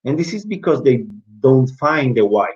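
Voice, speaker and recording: Over a video call, a man with a Latin American Spanish accent gives an informal talk to referees as a basketball referee speaker in an online session, restarting often and asking and answering his own questions. His mid-range voice is very animated at a moderate pace, with the highs cut off.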